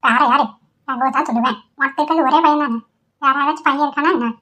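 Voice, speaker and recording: A woman plays a nosy older mother in a cartoon, needling her son with sarcasm. She talks fast in a high voice. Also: pushed and bright. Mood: nagging. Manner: nagging, sarcastic. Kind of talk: Tamil cartoon voice acting.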